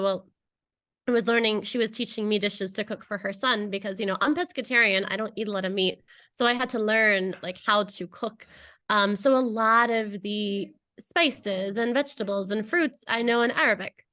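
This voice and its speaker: A woman's voice: medium pitch, sharp tone. A woman chatting casually as an interview guest, explaining things conversationally and often checking in with the listener. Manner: chatty, explanatory, peppers talk with "you know" and "right?". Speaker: podcast guest, language educator.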